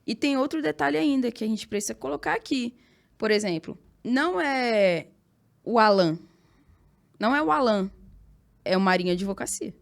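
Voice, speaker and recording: A woman's voice: on the high side, lively intonation, moderate pace, creaky, pauses often. A woman with a Brazilian accent, a podcast guest giving direct, emphatic advice. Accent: Brazilian Portuguese. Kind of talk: casual podcast chat.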